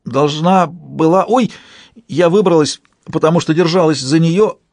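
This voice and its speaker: A man's voice: a little high, a little slow, no echo, clean studio sound, voice pushed up. A man reading an audiobook and voicing a frightened, helpless young woman who whimpers and squeals. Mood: panicky.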